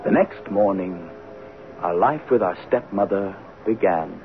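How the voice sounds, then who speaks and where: An actor playing a grown son who narrates his childhood in an old radio drama, reflective and measured. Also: low voice, animated. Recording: tinny old radio broadcast with music under it.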